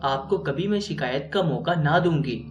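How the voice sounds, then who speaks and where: A man voicing a meek, obedient young bride who speaks softly and dutifully. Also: on the high side, animated, normal speed, muffled recording, lightly acted. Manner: soft, dutiful and yielding. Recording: roomy, distant mic, faint music.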